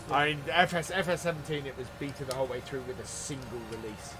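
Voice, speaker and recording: A man's voice: medium pitch, brisk, background noise. A man hosting a live gameplay stream, chatting casually and greeting viewers by name while he plays. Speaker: livestream host.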